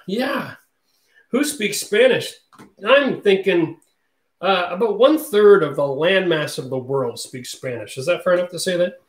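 A man in his forties, his voice sitting high, hosts a casual livestream where he chats with viewers and reads their comments aloud. Reverberation fills his home studio room, where he speaks into a boom-arm studio mic.

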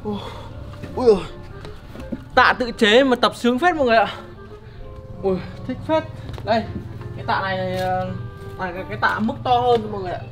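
A man's voice: high-pitched, brisk, pauses often, fairly bright tone, soft background music. A young man, hosting a casual prank vlog and chatting upbeat straight to his viewers. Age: young adult. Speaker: vlogger host. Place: outdoor yard and indoor storeroom.

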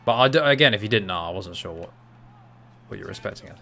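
A young, half-Cypriot gaming streamer gives casual, chatty live commentary on a fighting game from a small room at home, shouting reactions and laughing with his viewers. His fairly low, creaky voice has lively intonation, and he talks fast.

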